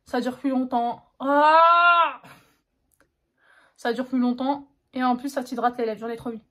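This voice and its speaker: A woman's voice: fairly high pitch, little pitch movement, brisk, darkish tone. A young woman chatting casually through a makeup tutorial, slangy and self-mocking. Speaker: beauty vlogger.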